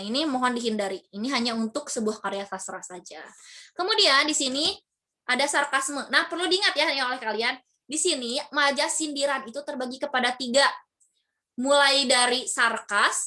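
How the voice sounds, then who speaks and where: Bright high-voiced woman teacher. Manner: explains with many fillers and repeated "for example"; acts out example quotes for students. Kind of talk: online class lesson explanation.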